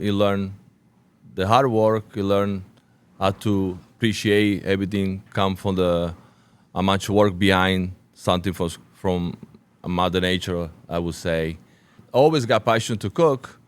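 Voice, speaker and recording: A man in his forties from Sicily, a restaurant owner being interviewed, speaking halting English with a Sicilian Italian accent and many restarts. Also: sits low, clean tone, no echo. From Sicily, Italy. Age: 40s. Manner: halting non-native English with frequent restarts.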